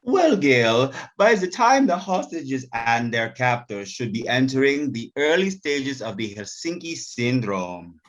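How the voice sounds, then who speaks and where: A man's voice: mid-range voice, big pitch swings, unhurried, few pauses. A man playing a pompous male terrorism expert lecturing on a news broadcast.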